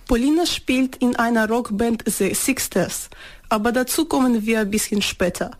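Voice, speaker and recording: Woman interviewer with a higher voice. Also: moderate pace. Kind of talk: interview questions.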